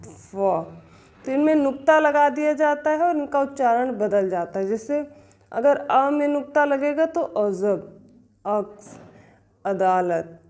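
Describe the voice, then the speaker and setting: A woman's voice: a little high, warm tone. A woman teaching an exam-prep grammar lesson, explaining step by step and answering her own questions.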